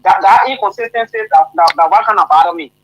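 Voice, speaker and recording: A woman's voice: fairly low pitch, fast, slight background noise. A woman calling in to a radio show, earnest and repetitive, stumbling over her words. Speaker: caller. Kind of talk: phone-in opinion. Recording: muffled phone line.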